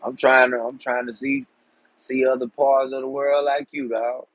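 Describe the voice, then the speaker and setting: A man's voice: mid-range voice, little pitch movement, moderate pace, rough recording. A man, hosting a casual live stream and chatting loosely with viewers in streetwise slang. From Georgia, USA. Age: 40s. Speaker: livestream host.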